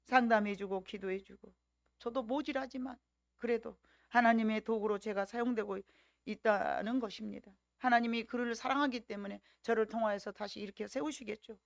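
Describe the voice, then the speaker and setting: A woman pastor with a Jeolla Korean accent preaches in lively storytelling fashion, now and then acting out the voices of people in her stories. Her voice carries a gravelly fry, and the recording is close and dry with no room sound. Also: fairly high pitch, fairly quick, no room sound. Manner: lively storytelling with acted-out quotes. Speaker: senior pastor. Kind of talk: sermon.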